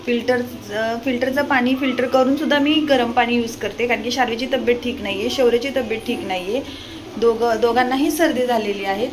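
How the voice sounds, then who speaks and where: A woman's voice: on the high side, noisy background. A woman recording a casual home vlog, chatting plainly to her viewers as friends on a handheld phone. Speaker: vlogger and mother.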